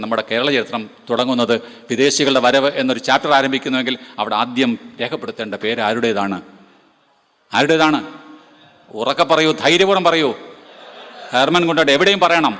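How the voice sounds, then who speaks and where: A man with a Malayali accent delivers a rapid lecture at a brisk pace. He speaks emphatically and keeps putting questions to his listeners. His voice carries the long reverb of a lecture hall. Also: medium pitch, a bit bright. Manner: emphatic, rhetorical questions to the audience. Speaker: guest lecturer. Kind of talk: lecture to seminary students.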